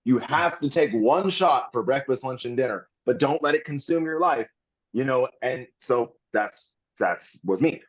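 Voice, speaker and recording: A man's voice: mid-range voice, animated, measured pace, slightly rough, highs cut off. A man guesting on a podcast, talking candidly and earnestly in long rambling runs with frequent restarts.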